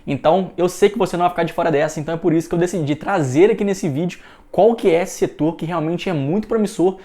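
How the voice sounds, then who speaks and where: A young Brazilian man hosting an investment channel, explaining the market in an energetic, persuasive scripted talk. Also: fairly high pitch, quick pace. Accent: Brazilian Portuguese. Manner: energetic, persuasive, many fillers like "realmente".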